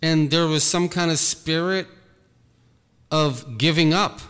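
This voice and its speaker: A man giving an earnest personal testimony about his ministry, talking slowly and repeating himself. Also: fairly high pitch, a bit bright, clean tone, in a large hall. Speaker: ministry leader.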